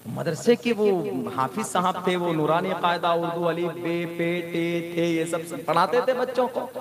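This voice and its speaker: A man's voice: fairly high pitch, moderate pace, crowd noise. A male preacher telling a humorous story in his sermon, acting out the dialogue with laughs. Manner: animated, acts out dialogue with laughs.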